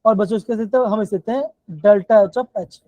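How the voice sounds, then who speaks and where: High-voiced male chemistry teacher, repetitive. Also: fairly even intonation, moderate pace, mellow, no room sound. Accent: Himachali Hindi. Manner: repetitive, keeps calling the students "बच्चों". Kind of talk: live online class lecture. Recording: dull, dry low-fi online class audio.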